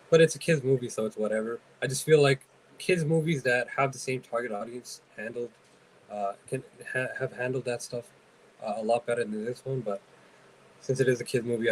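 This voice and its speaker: A man's voice: medium pitch, steady tone, poor audio. Hesitant male co-host, faint hiss. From Canada. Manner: measured, hesitant with many ums and uhs. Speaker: podcast co-host. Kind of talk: casual chat.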